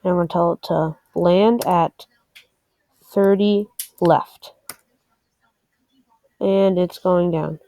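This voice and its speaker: Pausing often and speaking slowly, a woman with a low, warm voice and fairly even intonation narrates a casual screen-recorded game walkthrough, a bit hesitant as she thinks aloud. The recording is dry.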